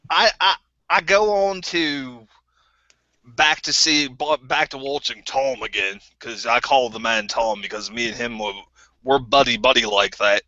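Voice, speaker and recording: A sharp-toned man with a mid-range voice, no echo, on a dull lo-fi recording. He acts out a bitter, crude ex-member of a group, using an affected New Zealand accent and a rambling, stammering delivery.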